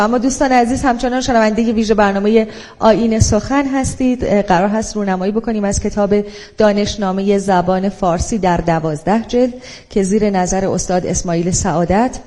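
A woman's voice: mid-range voice, warm tone. A woman hosting a live radio event, presenting formally to listeners. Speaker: radio host.

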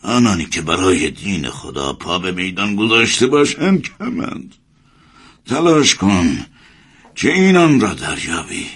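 A grave and wise elder leader, played by a male actor speaks low and husky. His pitch swings widely as he weighs each word in this spoken drama. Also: sing-song, fairly bright tone, heavily acted. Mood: solemn. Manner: solemn, measured.

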